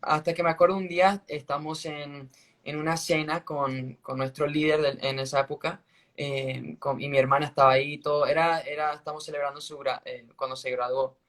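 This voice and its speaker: Man, slightly raised pitch, casual spoken testimony, earnest, stop-start delivery, phone live-stream sound. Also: little pitch movement, a bit bright. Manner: earnest, halting storytelling with restarts. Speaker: guest sharing a faith testimony. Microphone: phone on a live video stream.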